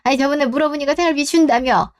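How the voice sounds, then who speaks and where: A woman's voice: high-pitched, fast talker, close to an everyday voice. A woman voicing a blunt, worried middle-aged mother who scolds her son in a radio drama. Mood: scolding. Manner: scolding, exasperated questions.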